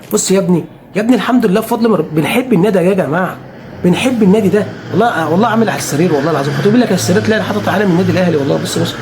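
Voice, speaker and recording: A man's voice: high-pitched, noisy background. A man with an Egyptian Arabic accent, a football fan streamer talking casually to camera, repetitive and emphatic, swearing oaths.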